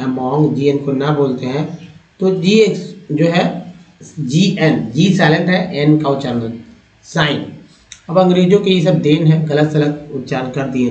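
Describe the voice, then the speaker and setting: A male English teacher gives a phonics lesson, explaining spelling patterns slowly and repeating words. His voice sits on the high side with a dark tone, and he is far from the mic, so the sound is dull and roomy with echo.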